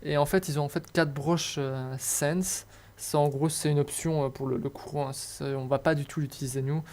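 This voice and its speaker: A man's voice: fairly high pitch, steady tone, moderate pace, darkish tone. A young man narrates a hobby electronics tutorial over slides. He talks casually, stumbling over fillers and restarts and joking at his own expense. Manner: hesitant, many fillers and restarts, self-mocking asides.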